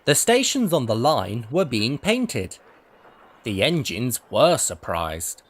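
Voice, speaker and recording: A man reading a children's storybook aloud as narrator, expressive and unhurried. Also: medium pitch.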